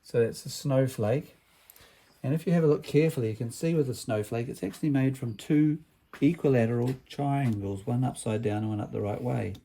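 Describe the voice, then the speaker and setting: Talking fairly quickly at a medium pitch, a man acts as a builder hosting a children's workshop vlog. He sounds like a lively kids' party host, breaks ideas down simply, and keeps checking in with tag questions.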